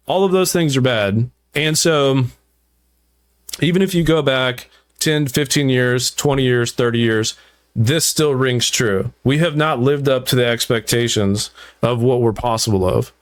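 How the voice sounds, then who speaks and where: A man hosting a podcast, talking at length about writing his song, animated and full of restarts. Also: medium pitch, measured pace. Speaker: podcast host and musician. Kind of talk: casual interview chat.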